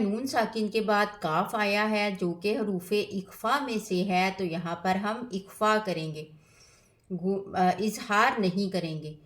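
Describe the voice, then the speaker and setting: A woman teaching Quran tajweed, reciting verses slowly and melodically, then explaining each rule in quick, repetitive phrases. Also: medium pitch. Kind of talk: tajweed lesson alternating slow recitation and explanation.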